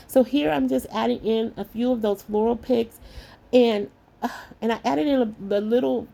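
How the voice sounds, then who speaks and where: A middle-aged woman with a slightly hoarse, somewhat high voice narrates a craft tutorial for her channel. She's warm and chatty, calling her viewers lovies and y'all.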